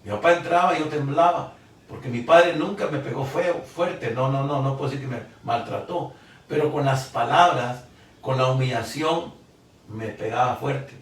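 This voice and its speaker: A man in his sixties from Guatemala, gives an emotional sermon testimony, halting with repeated restarts. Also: mid-range voice. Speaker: preacher. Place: church hall. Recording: echoey church from far off.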